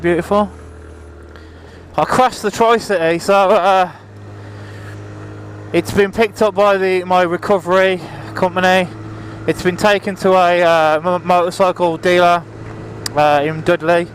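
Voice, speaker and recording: A man chatting casually to viewers in a rambling, apologetic way, raising his voice over the engine as he rides a motorbike with a helmet mic. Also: high-pitched. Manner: raised voice talking over engine noise. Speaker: motorbike vlogger. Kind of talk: casual vlog chat to viewers while riding. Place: outdoors, riding a motorbike on the road. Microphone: helmet microphone, visor open. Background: motorbike engine, wind, traffic.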